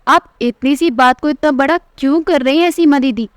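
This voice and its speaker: A woman's voice: sits high, normal speed, no room sound, clean studio sound, close to an everyday voice. Woman voicing a meek polite young bride. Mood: pleading. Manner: soft, polite, apologetic.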